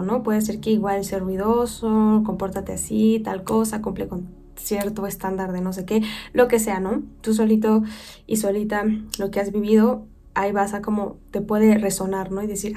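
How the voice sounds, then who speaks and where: A woman's voice: medium pitch, fairly even intonation, moderate pace, creaky. A young woman with a Mexican accent hosting a casual self-care podcast, talking like a chatty friend who acts out quoted voices. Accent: Mexican Spanish. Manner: chatty, warm-hearted advice with playful quoted voices. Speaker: podcast host.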